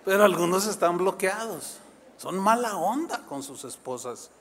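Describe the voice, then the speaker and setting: A man preaching a sermon as a pastor, in an animated, conversational way with quick asides. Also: sits high. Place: church sanctuary. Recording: long hall reverb.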